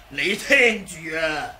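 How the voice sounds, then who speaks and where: In a noisy old 1980s radio drama recording, an older male actor heavily plays a quarrelsome kung fu master in Hong Kong Cantonese, with a very high, bright, swooping voice. The character is a cheeky, blustering sore loser, smug and scolding, who wheedles, argues, exclaims and chuckles.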